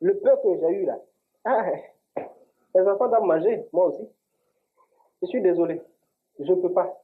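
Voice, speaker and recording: A man's voice: high voice, moderate pace. Defensive Ivorian shopkeeper man. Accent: Ivorian French. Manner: defensive, stubborn. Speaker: shopkeeper in a comedy sketch. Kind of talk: scripted comedy sketch. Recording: tinny lo-fi audio.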